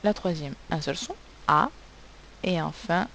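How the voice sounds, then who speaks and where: Woman teacher, unhurried, lowish voice, spells out each sound for children, faint hiss behind. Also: expressive, gravelly, fairly bright tone, low-quality recording. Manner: slow and patient, spelling words out sound by sound. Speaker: primary school teacher. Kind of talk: recorded spelling lesson for children.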